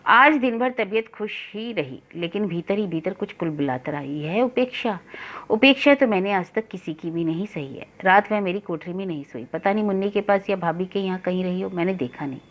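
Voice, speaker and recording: A woman narrating a novel aloud for students in a steady, measured reading voice. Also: medium pitch, highs cut off.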